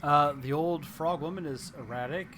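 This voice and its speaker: A man running a tabletop game as game master, relaxed with chuckling asides. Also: fairly high pitch, moderate pace. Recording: noisy stream audio.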